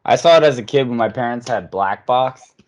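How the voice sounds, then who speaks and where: A man co-hosts a movie podcast, chatting loosely about films, laughing and swearing often. His voice is mid-range and brisk.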